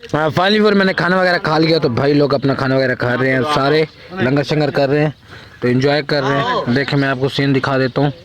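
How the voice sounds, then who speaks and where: A man's voice: mid-range voice, steady tone, brisk, crowd noise, rough recording. A man with a Saraiki accent vlogging casually outdoors at a village function, talking straight to his viewers while he films on a handheld phone. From Pakistan. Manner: chatty, addresses viewers directly. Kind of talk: casual vlog narration.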